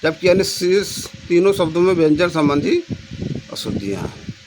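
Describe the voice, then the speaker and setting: A man's voice: high voice, big pitch swings, moderate pace. A man tutoring exam questions, repeating key phrases and drawing out each answer option. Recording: noisy background with passing traffic.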